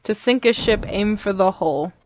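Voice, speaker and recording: A woman's voice: medium pitch, moderate pace, a little hiss or hum. A young woman hosting a let's-play, giving playful, chatty commentary and jumping easily. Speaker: gaming channel host.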